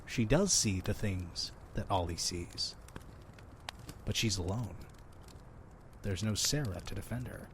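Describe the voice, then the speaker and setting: Speaking a little slowly and leaving long pauses, a man with a lowish, natural voice plays the innkeeper storyteller of an audio drama: friendly, mysterious, earnest and persuasive, with a folksy flavor. A faint hiss or hum sits under the recording.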